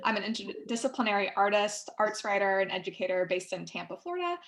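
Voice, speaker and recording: A woman's voice: medium pitch, very animated, fast talker, a bit bright. A woman artist and educator introducing herself on a video call in an upbeat way. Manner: upbeat, laughs easily. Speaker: artist and panelist.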